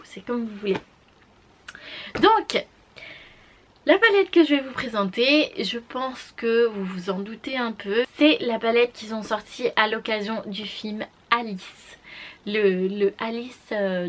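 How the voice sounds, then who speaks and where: A woman presenting a makeup palette to the camera in casual, gushing talk, full of restarts and fillers. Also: a little high. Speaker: beauty vlogger. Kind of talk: casual makeup product review.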